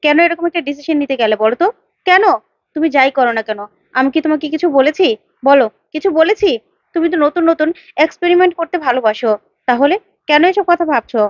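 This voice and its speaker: A woman's voice: sits high, animated, fast, no room sound, highs cut off. A woman voicing a caring elder brother who speaks firmly and urgently, in a retold serial. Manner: urgent, firm.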